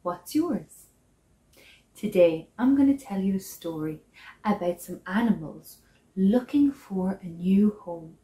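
A young woman telling a children's story and teaching signs, signing while speaking with deliberate phrasing and pauses. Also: mid-range voice, expressive, mellow. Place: small living room, indoors, seated on a sofa. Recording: echoey living room.

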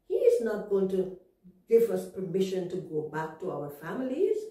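A woman's voice: medium pitch, wildly swooping pitch, normal speed, dark tone. A woman voicing a group of worried sick men who ask doubtful, pleading questions in a children's Bible story. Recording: echoey room, far from mic.

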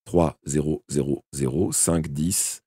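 A man's voice: very deep voice, steady tone, slow pace, dark tone, slightly rough, no echo, studio quality. A man reading a detective novel aloud live, narrating expressively in the first person and now and then correcting a slip. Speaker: audiobook reader. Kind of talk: live unedited audiobook reading.

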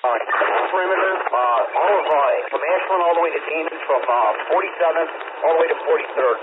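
A man's voice: fairly high pitch, brisk, very noisy. Man over a tinny police radio.

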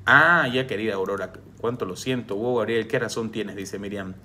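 A man's voice: on the low side, normal speed. A man in his forties coaching viewers on relationships during a live stream, reading comments and answering them by name in a frank, direct way. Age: 40s. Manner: warm direct advice, addresses viewers by name. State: coughing from reflux.

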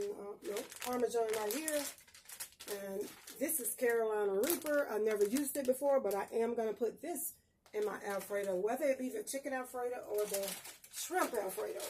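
A middle-aged woman films a casual grocery haul vlog in her small home kitchen on a phone camera a few feet away, chatting bluntly, cussing freely and calling her viewers y'all. Her voice is a little high with a darkish tone, and there's a little hiss or hum.

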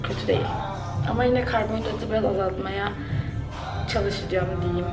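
A woman's voice: medium pitch, moderate pace, over loud music. An eighteen-year-old woman vlogging at home, telling a story in a chatty, dramatic way with exclamations. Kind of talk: casual vlog chat to camera. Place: at home indoors.

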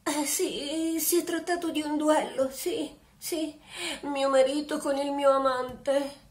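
Lady doing a coy sly widow on the phone, highish voice, slow and drawn out, echoey room. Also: steady tone. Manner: coy, sly, mock-grieving. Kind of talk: comic theater monologue. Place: home, indoors.

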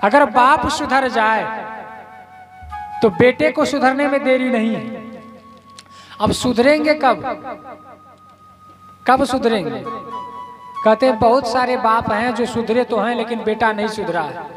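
A man preaching at an ashram, telling a moral story slowly and asking the listeners rhetorical questions. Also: extremely high pitch. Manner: slow, repeats rhetorical questions to the audience. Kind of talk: storytelling sermon. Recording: flute music playing behind.

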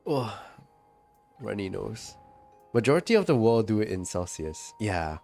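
Man, sick, nasal stuffy voice, casual stream chatter, reads chat aloud, slightly low voice, quiet music behind. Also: unhurried, vocal fry. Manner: relaxed, chatty, reading out viewer comments. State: sick with a stuffy nose and cough. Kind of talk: casual live-stream chat while gaming.

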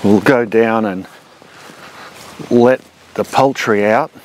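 On a rainy day in his outdoor backyard garden, an Australian homesteading vlogger chats his way through a casual walk-through, filmed on a handheld action camera. His fairly low voice moves slowly over a noisy background, and he explains things in a relaxed, talkative manner as he walks.

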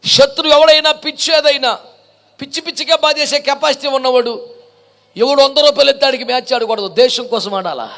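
A man's voice: very high-pitched, fairly even intonation, quick pace, bright, forceful tone. A man preaching a sermon as a pastor, impassioned and rhetorical, firing off repeated questions.

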